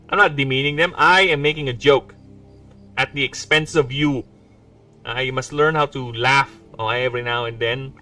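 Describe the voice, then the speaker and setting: A man from the Philippines chats casually on a livestream, joking and wandering off on asides in a mixed English accent. His voice is bright and sits a bit high. He sounds set back from the mic, with faint music playing underneath. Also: far from the mic. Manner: joking, rambling, self-mocking asides. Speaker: indie game developer streaming. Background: faint background music.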